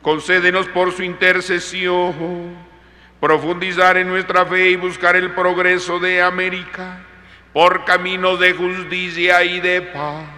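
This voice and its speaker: A man leading Mass as a priest, reciting solemn, measured liturgical prayers in a long cathedral-like echo. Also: high voice, little pitch movement, bright, forceful tone. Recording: echoing cathedral-like reverb, congregation around.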